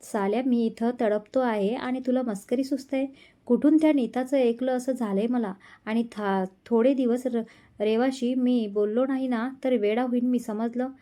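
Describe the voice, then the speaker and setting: A woman's voice: on the high side, steady tone, normal speed, dark tone, lightly acted. A woman voicing a lovesick young male college student in a storybook reading, agitated and pleading.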